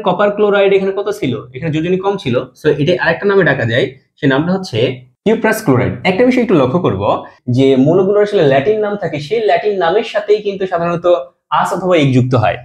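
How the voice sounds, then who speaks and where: A man's voice: sits high, darkish tone. A man teaching a chemistry lesson, explaining step by step and answering his own questions, dropping his voice at the end of each compound name.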